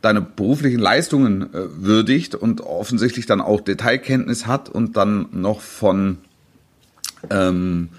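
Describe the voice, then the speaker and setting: A middle-aged man telling anecdotes in casual conversation, often halting and repeating words as he looks for the right phrasing. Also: on the low side. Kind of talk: casual chat, storytelling.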